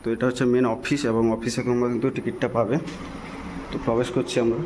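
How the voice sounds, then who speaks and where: A man's voice: mid-range voice, level tone, quick pace. Bengali man vlogging over noisy ambience. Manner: chummy, addresses viewers as friends. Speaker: travel vlogger. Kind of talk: casual vlog narration. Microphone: handheld phone. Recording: noisy on-location phone recording.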